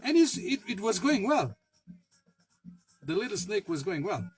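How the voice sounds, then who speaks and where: A man who is a spiritual worker, telling a personal story in a halting way, with many fillers and restarts, laughing at himself and swearing now and then. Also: high-pitched, sing-song, husky, soft background music, low-quality recording. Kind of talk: casual spoken anecdote.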